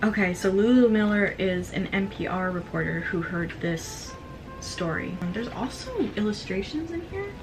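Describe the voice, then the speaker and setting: Chatty excitable woman with vocal fry. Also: mid-range voice, normal speed, over music, poor audio. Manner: excitable, gushing asides. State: throat slightly strained. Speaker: book vlogger presenting a thrifted book haul. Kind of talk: casual chatty book haul.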